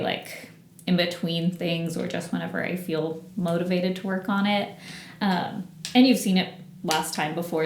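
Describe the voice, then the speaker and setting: A woman's voice: mid-range voice, slight background noise. A woman co-hosting a podcast in a chatty, rambling casual chat. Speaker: podcast co-host. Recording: echoey room.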